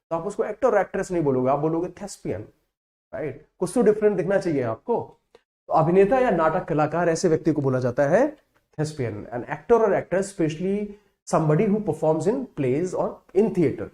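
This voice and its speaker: A man teaching vocabulary in a slightly high, mellow voice. He explains slowly and keeps asking "right?" and "correct?" to check that his students follow. The sound comes from an echoey room. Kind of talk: Hindi-English online lesson.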